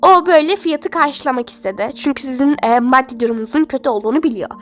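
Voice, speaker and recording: A woman voicing a calm, polite hospital nurse who soothes a patient, hesitating with fillers. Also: high-pitched, fast, pitched below the performer's own voice, lightly acted. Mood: reassuring.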